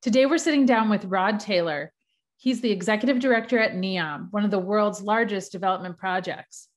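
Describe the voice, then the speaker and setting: A woman's voice: medium pitch, fairly quick. Effusive woman hosting an interview. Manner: warm and effusive, welcoming. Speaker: podcast host. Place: New York.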